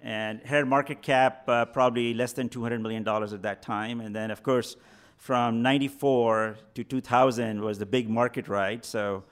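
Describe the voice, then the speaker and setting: A middle-aged man from northern India, a venture capital guest in a radio studio, answering in a measured, matter-of-fact way. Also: mid-range voice, fairly even intonation. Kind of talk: interview answers.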